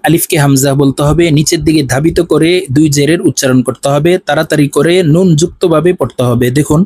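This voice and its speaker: Male Quran teacher, slightly high voice, slow drilled syllables, dry close sound. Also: fairly even intonation, a little mellow, husky, dry recording. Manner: chants each syllable slowly, then explains in quick asides. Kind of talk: slow drilled letter recitation with explanations.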